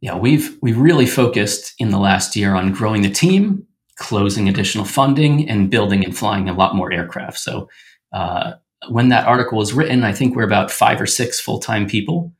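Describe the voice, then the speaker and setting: A man answering interview questions as a startup founder, in upbeat, casual tech-bro pitch talk full of business jargon. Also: lively intonation, normal speed.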